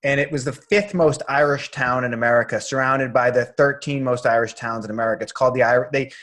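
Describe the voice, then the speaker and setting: Relaxed man as interview guest. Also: medium pitch, fast. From Boston area, US. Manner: relaxed and open, laughs easily. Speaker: breathwork coach, guest. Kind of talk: interview answers.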